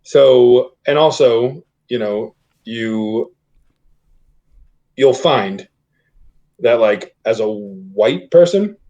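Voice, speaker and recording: A man's voice: mid-range voice, drawn-out words, long pauses, warm tone, lo-fi sound. A man from the Boston area, a guest on a casual podcast, chatty and prone to side stories. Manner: chatty, laughs easily, tells side stories. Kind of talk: casual chat.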